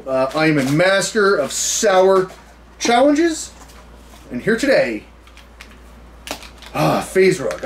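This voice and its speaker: High-pitched American man, challenge host. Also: a little hiss or hum. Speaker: food challenge video host. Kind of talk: casual to-camera challenge talk. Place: small indoor room full of memorabilia.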